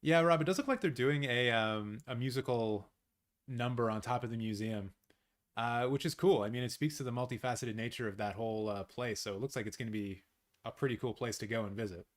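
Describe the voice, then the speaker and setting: A man's voice: mid-range voice, brisk. A chatty man from Canada, talking casually to a live-stream audience from his apartment. He rambles and restarts, with a mid-range voice and plenty of fillers. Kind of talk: casual live watch-along chat, reading viewer comments.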